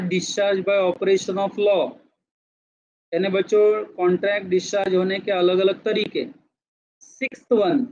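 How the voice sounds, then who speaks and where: This is a lecture-style class led by a man whose voice sits fairly high, mixing Hindi and English and often checking that students understand. The classroom recording sounds a little dull and lo-fi, with slight background noise.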